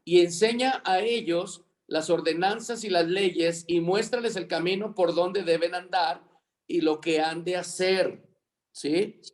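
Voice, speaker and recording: Slow, high-voiced man teaching a Bible lesson. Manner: slow, repeats dictation for students to fill in. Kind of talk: Bible lesson over video call. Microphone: video call.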